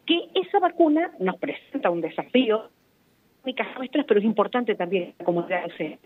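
A woman, a vaccination official, explaining haltingly over a phone line that keeps breaking up with dropouts. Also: medium pitch, very animated, slightly rough, no room sound. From Argentina. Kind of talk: phone-in radio interview. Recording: tinny dry phone line.

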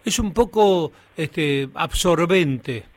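A man's voice: fairly high pitch, animated, very slow. A man with an Argentine accent hosting a radio interview, talking in a loose way with lots of fillers. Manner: conversational, filler-heavy with "este". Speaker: radio host.

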